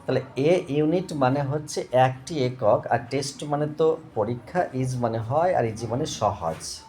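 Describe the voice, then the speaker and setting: A man's voice: mid-range voice, dark tone, a little hiss or hum. A man teaching English grammar to students, spelling out words and often checking "okay?". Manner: slow, repeats and spells out words, asks "okay?". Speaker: English tutor.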